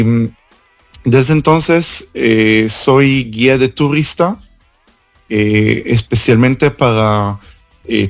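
Israeli guy calling in by phone, slow and halting with lots of pauses, dry sound. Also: medium pitch, no echo. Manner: halting, with frequent hesitation fillers. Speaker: interview guest and tour guide. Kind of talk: answering interview questions over an international call. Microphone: phone call.

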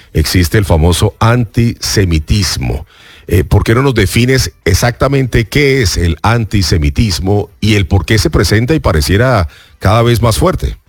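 A man hosting a radio interview, asking his questions in a formal, measured way. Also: sits low, no echo. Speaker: radio host.

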